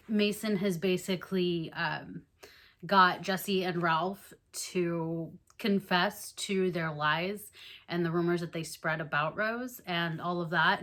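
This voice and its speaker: Chatty young woman with a low voice. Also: fairly bright tone. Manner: chatty, many ums and likes, amused. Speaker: book vlogger. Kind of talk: casual book discussion.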